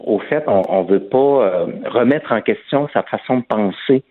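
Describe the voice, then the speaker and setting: A man's voice: mid-range voice, lively intonation, moderate pace. A man with a Québécois accent, a comedian talking as a guest in an interview, emphatic and often repeating words as he searches for the next phrase. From Quebec. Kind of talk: phone-in interview. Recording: tinny phone line.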